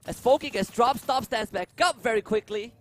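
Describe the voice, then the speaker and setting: A man's voice: very high voice, moderate pace, a little hiss or hum. A man co-casting an esports match, explaining and reacting to the plays in live analysis.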